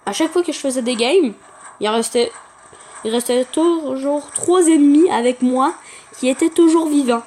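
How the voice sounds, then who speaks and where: A woman giving chatty, excitable gameplay commentary for her channel, talking to viewers and taunting opponents. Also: sits high, normal speed, slight background noise.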